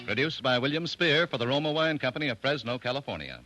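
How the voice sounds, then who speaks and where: A man's voice: mid-range voice, animated, fast talker, over music. A man announcing and selling for a sponsor in 1940s radio style, polished and emphatic. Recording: vintage radio broadcast.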